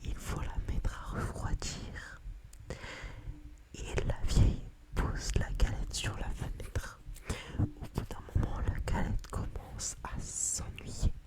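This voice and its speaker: A narrator reading a children's tale in a whispered ASMR storytelling style.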